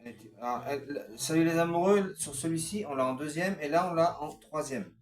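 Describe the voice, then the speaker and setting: A man's voice: fairly high pitch, a little fast, reverberant. A man in a casual home video showing his CD collection, talking hesitantly with many fillers as he lists song titles. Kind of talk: casual unscripted collection vlog.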